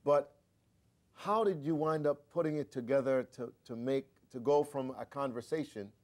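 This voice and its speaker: A man hosting a studio talk show, introducing guests in a measured way with some hesitations. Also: mid-range voice, darkish tone. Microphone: studio microphone.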